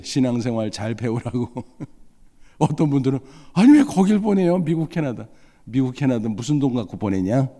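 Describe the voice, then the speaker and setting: A middle-aged male pastor tells a warm-toned, mellow family anecdote from the pulpit, slipping into the voices of the people in the story. His voice has a dark, relaxed tone, and the long reverb of a large hall trails behind it. The delivery is folksy and full of humor. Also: medium pitch. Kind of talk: sermon with storytelling.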